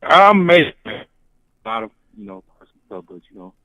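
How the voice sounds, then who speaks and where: A man's voice: fairly high pitch, very animated, brisk, pushed and bright. A man calling in to a radio show, chatting casually over a clipped phone line. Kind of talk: casual chat.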